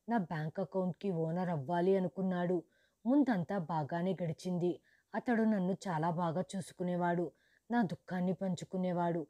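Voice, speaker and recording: A woman narrating a storybook in the first person as a grieving, widowed mother who lost her wealth, in a steady, measured reading. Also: lowish voice, no room sound, lightly acted.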